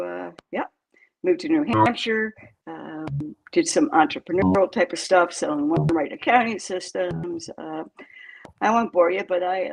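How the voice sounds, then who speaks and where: A woman in her seventies from upstate New York talks through her career as an interview guest. Her voice carries a gravelly rasp, and she wanders from point to point with many pauses and fillers. A faint hiss sits under her voice. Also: on the low side, rough recording. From New York State, USA. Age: 70s. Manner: rambling, hesitant, with frequent fillers. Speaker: guest, crypto project co-creator. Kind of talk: casual interview chat.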